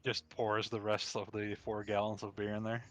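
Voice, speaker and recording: A man's voice: lowish voice, completely flat delivery, moderate pace, a bit bright, faint music behind. A man chatting casually as a player in a tabletop role-playing game.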